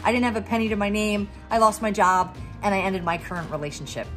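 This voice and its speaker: A woman's voice: medium pitch, fast, soft background music. A woman in her thirties from Pennsylvania with a Philadelphia accent, a professional organizer giving an upbeat, encouraging talk to camera with self-deprecating asides. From Pennsylvania, USA. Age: 30s.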